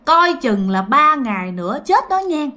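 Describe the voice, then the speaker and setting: A woman's voice: sits high, sing-song, a little slow, sharp tone, heavily acted. A woman voicing a middle-aged male ghost, giving a blunt, casual warning in a told ghost story.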